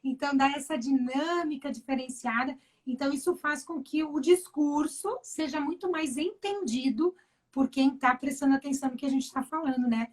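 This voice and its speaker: A woman's voice: high-pitched, normal speed, poor audio. A woman hosting a live interview for teachers, enthusiastic and chatty, often adding tag questions. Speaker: host of a live stream for teachers.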